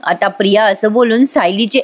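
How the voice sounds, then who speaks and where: A woman's voice: mid-range voice, normal speed. A woman giving a chatty voice-over recap of a TV serial episode, often speaking straight to her viewers. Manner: chatty, addresses viewers directly. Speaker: TV serial reviewer.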